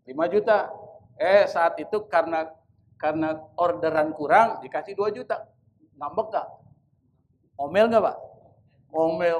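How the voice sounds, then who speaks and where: A man's voice: fairly high pitch, a little hiss or hum. A man giving a Quran commentary sermon, asking and answering his own questions, mixing in Arabic recitation and calling his listeners sir. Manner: addresses listeners as sir, casual asides; mixes Arabic recitation into talk. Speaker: Quran teacher.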